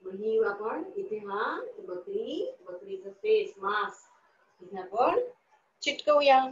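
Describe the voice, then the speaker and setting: A woman's voice: medium pitch, big pitch swings, slow pace, highs cut off, a little hiss or hum. A woman teaching young children in an online class, asking the class questions and answering them herself in a sing-song, coaxing way.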